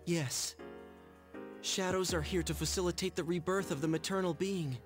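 A young man voicing a calm, mysterious young figure in a video game, speaking in a measured, grave way. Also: sits high, close to an everyday voice. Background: game music.

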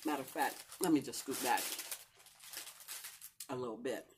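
A middle-aged woman chats casually to her viewers while eating crunchy fried chicken, pausing between bites. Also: rumbling low, background noise. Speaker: mukbang video host. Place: living room at home, indoors. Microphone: camera on a stand at table distance.

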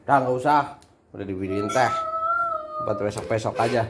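A man's voice: lowish voice, moderate pace, heavy background noise. A man, a father, chatting casually and teasing playfully in a family video. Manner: teasing, laughing, playful commentary.

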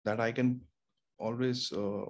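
In a small home room beside an air conditioner and fridge, a young Indian-accented man hosts a casual home studio tutorial over screen share. He explains recording step by step, slowly and steadily at medium pitch, with plenty of fillers and restarts. A studio microphone runs through an audio interface, and a faint room hum sits underneath.

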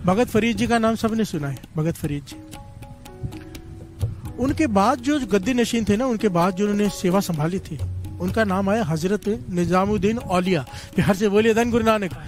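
Man preaching, north indian accent, high voice, soft music under it. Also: normal speed. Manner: repeats a call-and-response refrain to the congregation. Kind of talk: devotional sermon storytelling.

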